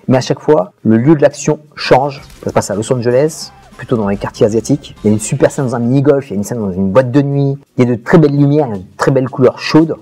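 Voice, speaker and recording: A man's voice: mid-range voice, warm tone. A man giving a casual, slangy TV series review straight to the viewer, calling him buddy. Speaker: video reviewer.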